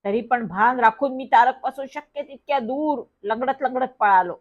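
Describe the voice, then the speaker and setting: Woman reading a lively children's story. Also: a little high, moderate pace. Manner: lively first-person storytelling. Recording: dull lo-fi recording.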